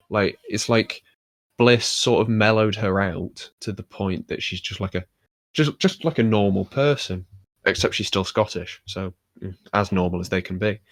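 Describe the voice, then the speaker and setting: A lowish male voice, recorded without echo, belongs to a podcast co-host from the United Kingdom. He chats casually and rambles, with many fillers and restarts.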